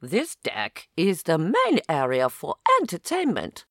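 A woman's voice: deep voice, wildly swooping pitch, slow pace, no echo, clean studio sound, pitched above the performer's own voice, heavily acted. A woman voicing a boastful man with an extravagant English accent who shows off a luxury research boat in an audio drama. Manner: extravagant, salesy and self-satisfied. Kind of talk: audio drama narration with character voices.

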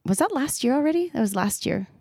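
A fast-talking woman with a high-sitting, darkish voice and lively intonation recounts her gigs on a podcast she co-hosts, recorded at studio quality with no echo. She's a singer in her thirties who performs in Spanish, not her native language, and she's candid and chatty, laughing easily with plenty of fillers.

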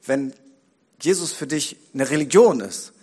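A man's voice: mid-range voice, lively intonation, unhurried, warm tone, husky. A man preaching a sermon as guest preacher, building up repeated rhetorical lines and dropping in joking asides, recorded in a church.

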